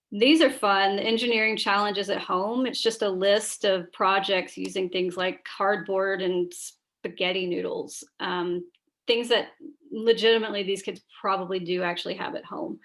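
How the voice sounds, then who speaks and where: A school librarian leads a teacher training over a video call, talking casually while sharing her screen. Her voice is medium-pitched and fairly bright, yet tired and scratchy, and she uses lots of fillers and restarts.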